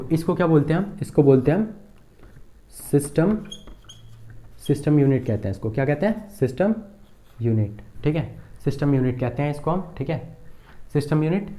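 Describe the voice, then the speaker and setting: A man's voice: mid-range voice, mellow. A man teaching a computer lesson at a board, asking the class questions and repeating key terms with frequent checks.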